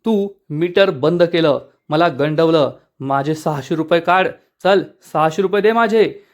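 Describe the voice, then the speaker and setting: A hot-tempered rickshaw driver blusters and makes angry demands, read aloud by a man. The voice is high and quick. It is plainly spoken as a quoted line within a story recap. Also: close to an everyday voice.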